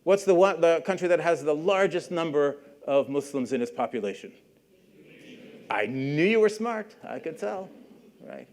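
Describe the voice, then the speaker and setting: A middle-aged man from Canada giving a university lecture in a conversational way, often checking in with the audience with questions and a quick "right?". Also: a little high, animated, darkish tone. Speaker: guest lecturer.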